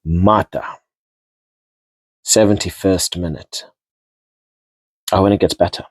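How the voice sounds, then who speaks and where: A man's voice: low-pitched, fairly even intonation, takes it slowly, dry recording. A man giving a casual, rambling rugby match recap, repeating and restarting words as he goes. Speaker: rugby vlogger.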